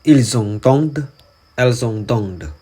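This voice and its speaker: A man reciting verb conjugations slowly and clearly as a language teacher. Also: mid-range voice, expressive, warm tone. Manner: slow, deliberate, enunciated recitation. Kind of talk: slow conjugation drill.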